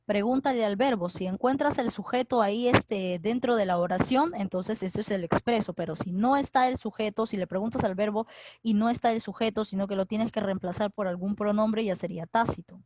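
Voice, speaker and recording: A woman's voice: mid-range voice, a little fast, a little mellow, dry recording. A middle-aged woman, teaching an online grammar class and explaining step by step with frequent tag questions. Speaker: secondary school teacher. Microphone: computer mic in a video class.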